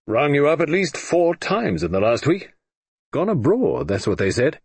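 A man's voice: a little high, wildly swooping pitch, normal speed, a little mellow, breathy edge, no echo, voice pushed up, heavily acted. A man doing a blustering old admiral. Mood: gruff. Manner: brusque, clipped, grumbling.

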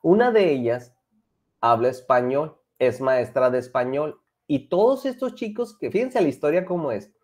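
Lively bilingual teacher. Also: male voice, on the high side, moderate pace. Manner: lively, mixes Spanish and English, coaxing students. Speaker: English teacher. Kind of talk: online class for children.

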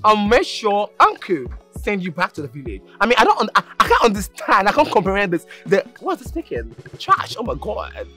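Film drama: loud mocking student, Nigerian Pidgin, animated and bright. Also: male voice, sits high, a little fast, hardly any pauses, soft background music, full character voice. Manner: taunting, loud scolding.

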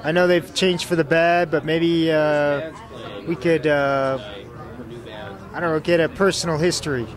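A man's voice: fairly high pitch, little pitch movement, measured pace. A man in his thirties interviewing a guest on an outdoor café patio at night, asking rambling, hesitant questions into a handheld mic. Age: 30s. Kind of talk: casual interview.

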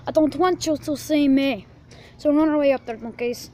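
A woman's voice: high-pitched, moderate pace, mellow, slight background noise, lightly acted. A woman playing a jumpy, childlike male ogre in a homemade role-play vlog, calling everyone donkey. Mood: playful. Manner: playful, calls everyone donkey. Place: outdoors at night, then indoors at home. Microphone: handheld video camera.

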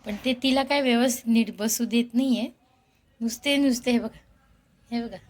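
A woman's voice: on the high side, normal speed. Woman vlogging at home. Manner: coaxing, talks sweetly to a pet. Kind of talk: casual home vlog. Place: home indoors.

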